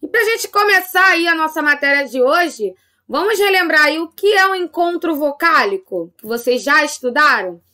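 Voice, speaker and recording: A woman's voice: sits high, lively intonation, pushed and bright. A woman with a Brazilian Portuguese accent teaching a grade-school class in a recorded remote lesson, speaking patiently and checking in often with her pupils. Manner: slow, patient teacher talk with frequent "tá?" check-ins.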